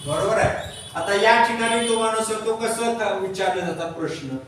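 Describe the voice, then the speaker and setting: A man's voice: high voice, moderate pace, a bit bright, a little hiss or hum. A man teaching a grammar lesson to a class, asking questions and repeating the answers himself. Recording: echoey classroom from far off.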